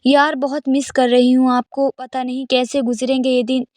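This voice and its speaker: A woman's voice: high-pitched, little pitch movement, no room sound, lightly acted. Woman voicing a teasing, caring aunt. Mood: affectionate. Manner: gently scolding, affectionate.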